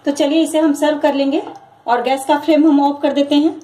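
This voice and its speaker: A woman hosting her own cooking channel, calmly walking through a recipe step by step in her home kitchen. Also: sits high, a little fast, low-quality recording. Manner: calm, instructive, repeats each step. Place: home kitchen, over frying sounds.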